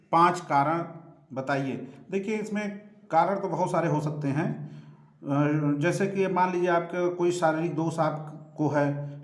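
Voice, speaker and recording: A man walks students through exam questions one by one, pausing on fillers and correcting himself. His voice sits a little high. The room around him rings with echo. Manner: explanatory, addresses students with "dekhiye"; frequent fillers and self-corrections. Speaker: teacher. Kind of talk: exam paper solution lesson.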